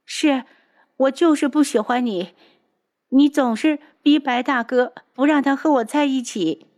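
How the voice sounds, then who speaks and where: 一位女性朗读者演绎一个黏人又爱哭诉的年轻女子，语气哀求。. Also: female voice, high-pitched, unhurried, a little mellow, voice pushed up. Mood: whiny pleading. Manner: tearful pleading. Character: whiny clingy young woman.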